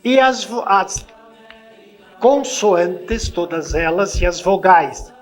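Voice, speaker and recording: A man's voice: high-pitched, animated, slow, faint music behind. A man from Brazil with a Brazilian Portuguese accent, giving a spoken language lesson. He spells out letters and sounds one by one and often adds tag questions. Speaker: language teacher.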